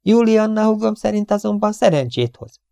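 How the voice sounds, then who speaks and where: Brief: male reader playing a fussy, superstitious stout cleaning lady, high shrill chatter, mellow dry audiobook sound. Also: lively intonation, vocal fry, dry recording.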